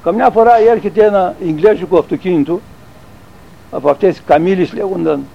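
An older man recalling his army service in a halting, rambling interview, full of restarts and fillers. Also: sits high, gravelly, muffled recording, slight background noise. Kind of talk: oral history storytelling.

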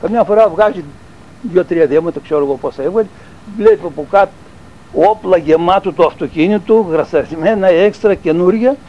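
Older man, fairly high voice, rambling oral-history teller, dull lo-fi tape. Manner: rambling, halting, with restarts and fillers. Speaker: interviewee recalling army service.

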